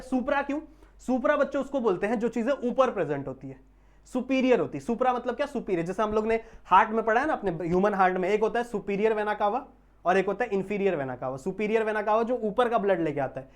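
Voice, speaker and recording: A man's voice: high-pitched, expressive. Guy teaching a biology class online, keeps asking if everyone gets it, drags out the big words. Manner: keeps asking students if they understand; drags out technical terms slowly.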